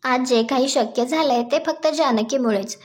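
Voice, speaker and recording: A woman's voice: sits high, moderate pace, lightly acted. A woman reading as a devoted young husband. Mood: tender. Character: proud, loving young husband, a wrestler.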